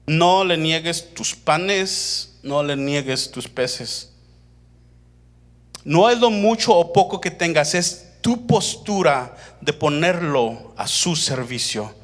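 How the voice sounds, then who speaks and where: High-voiced man preaching with animated storytelling. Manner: animated storytelling, acts out quoted voices, slows to deliberate emphasis. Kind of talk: testimony sermon.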